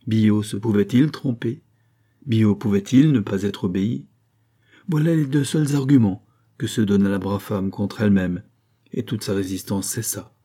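A man narrating a classic novel as an audiobook, reading in measured, phrase-by-phrase delivery. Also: fairly low pitch, dark tone.

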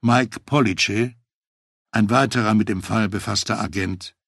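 A man narrates a first-person memoir in a measured, matter-of-fact way. His voice sits low and carries a husky grain. The recording is close and dry, with no room sound. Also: a bit bright, dry recording. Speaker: audiobook narrator.

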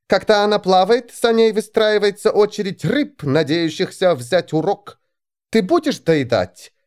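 A man voicing a crude, boisterous female warrior in an audiobook, pitching his voice up. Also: expressive, measured pace. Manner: loud, crude, exaggerated high voice.

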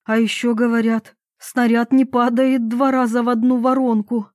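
A woman reading an audiobook, voicing an excitable, dramatic mother who speaks emotionally. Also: fairly high pitch, normal speed, dry recording, clean studio sound, natural voice. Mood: breathless. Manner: emotional, exclamatory.

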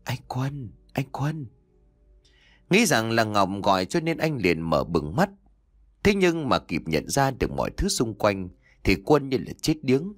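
A man narrating an audio story in a dramatic, expressive storytelling manner. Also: on the low side, moderate pace, no room sound, clean studio sound, faint music behind. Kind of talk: scripted narration.

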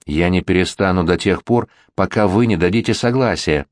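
A man's voice: low-pitched, normal speed, no room sound, studio quality, natural voice. A man reading a gallant, insistent prince regent. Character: worldly, flirtatious middle-aged male prince regent.

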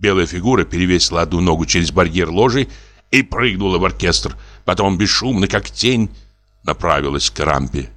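Low-voiced man reading a story. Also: expressive, fairly quick, fairly bright tone. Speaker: narrator. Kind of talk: audiobook reading of a classic story.

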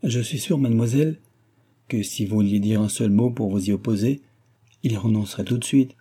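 A man's voice: on the low side, fairly quick, warm tone, slightly rough. A man voicing a chattering, pushy middle-aged mother in an audiobook, talking in a gushing, overfamiliar, insistent way.

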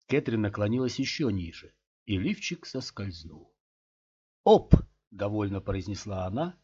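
A man with a low voice narrates an audiobook in a steady, measured way. The recording is dull and lo-fi. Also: slight background noise. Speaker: audiobook reader.

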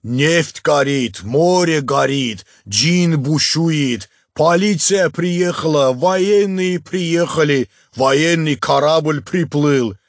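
A male narrator voicing a big, cheerful, good-natured boat skipper who talks slowly and tags phrases with a questioning "da?". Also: a little high, no echo, studio quality, pitched above the performer's own voice. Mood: excited. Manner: slow, drawn-out, ends phrases with a questioning "da?". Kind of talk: audiobook character voice.

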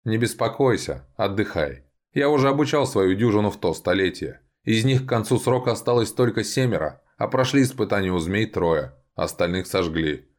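A man's voice: fairly low pitch, animated, normal speed, few pauses, voice pushed up, natural voice. A man voicing a brash, boastful ancient male vampire who speaks in a raised, cocky voice. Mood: reassuring.

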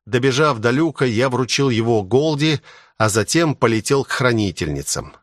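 A man reading a first-person adventure audiobook with steady dramatic storytelling. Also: medium pitch, normal speed, no room sound, clean studio sound. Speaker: audiobook narrator.

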